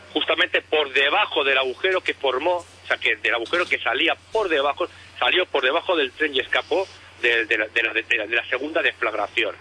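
Bright-voiced caller on a phone line. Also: male voice, mid-range voice, a little hiss or hum. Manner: halting, stacks up details with many restarts. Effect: heard over a phone line. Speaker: radio show caller. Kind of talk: call-in conspiracy talk.

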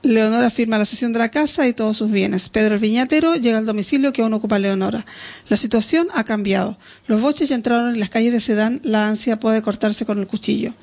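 A woman narrating an audiobook in a steady, descriptive reading. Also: fairly high pitch, brisk.

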